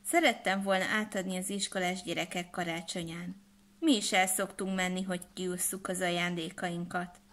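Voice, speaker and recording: A woman voicing a shy, sad young princess girl who speaks softly and gently in a storybook reading. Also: fairly low pitch, flat delivery, lightly acted. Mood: wistful.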